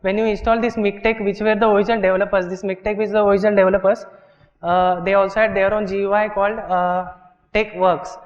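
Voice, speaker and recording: A man with an Indian English accent teaching a workshop class in a lecture hall, explaining step by step and checking in with "okay" and "right". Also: high voice. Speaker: workshop instructor. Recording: dull, echoey lecture hall recording.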